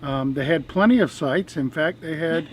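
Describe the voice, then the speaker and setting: A man's voice: fairly high pitch, normal speed, slight background noise, poor audio. A man hosting a family travel vlog in a friendly, casual way, a little nervous on camera.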